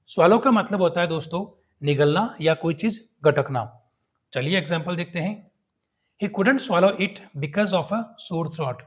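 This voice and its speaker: A young man teaching English vocabulary, reading each example sentence slowly and twice before explaining it. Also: on the high side, husky. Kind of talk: vocabulary lesson.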